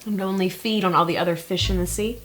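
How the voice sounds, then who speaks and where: A woman's voice: medium pitch, fairly even intonation, quick pace, fairly bright tone, soft background music, close to an everyday voice. A woman playing a foul-mouthed lovesick vampire. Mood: wry. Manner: exasperated, swears a lot. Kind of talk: film dialogue.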